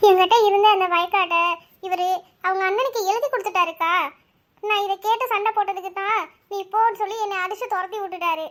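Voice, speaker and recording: A woman's voice: very high voice, fairly even intonation, fast. A woman voicing a distressed cartoon aunt pleading tearfully to her elder sister. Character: distressed aunt Selvi, wronged wife.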